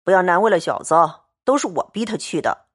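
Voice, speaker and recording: A woman voicing a boisterous, brash young rich man in a storytelling reading, loud and wheedling. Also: fairly low pitch, sing-song, fairly quick, slightly rough. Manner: laughing, brash, then wheedling.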